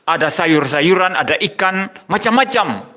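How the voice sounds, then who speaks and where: A man's voice: sits high, animated, moderate pace, sharp tone. An older man, a pastor preaching a sermon, telling personal stories and repeating key phrases for emphasis.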